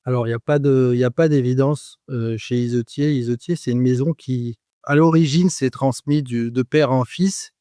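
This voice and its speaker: A man's voice: mid-range voice, fairly even intonation, normal speed, hardly any pauses, mellow, no room sound, studio quality. A man in his forties, a guest on a podcast interview, speaking with frequent hesitations, fillers and restarts. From France. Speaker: guest, rum producer.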